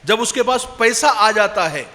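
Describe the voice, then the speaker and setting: A male preacher tells a moral story from the pulpit, pausing to quiz his listeners. His voice is high and rings out with a long hall reverb. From Pune, India. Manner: lively storytelling, quizzing the audience. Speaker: Islamic preacher. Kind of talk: storytelling sermon.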